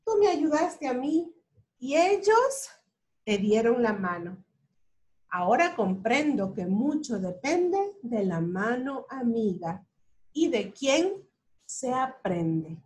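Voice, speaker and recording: A big, proud dump truck in a children's storybook, bossy and impatient, as a woman reading aloud puts him on. The voice sits high and moves slowly. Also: big pitch swings, darkish tone. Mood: grateful.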